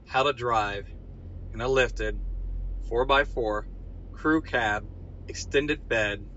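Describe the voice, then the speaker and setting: Bright-voiced man telling a wry comic story. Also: medium pitch, lo-fi sound, a little hiss or hum. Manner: dry, wry asides and punchlines.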